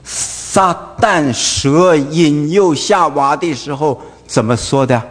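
Soft background music plays as a Wu-accented man preaches slowly in a voice on the high side, with long hall reverb. He tosses out rhetorical questions capped with "right?" and trips over repeated fillers.

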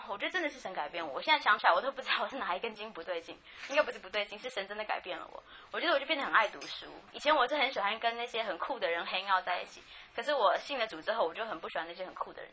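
Woman, taiwanese mandarin accent, personal testimony, chatty storytelling, fast talker, bright tone. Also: medium pitch, breathy edge. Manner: chatty, frank, quick storytelling with many restarts.

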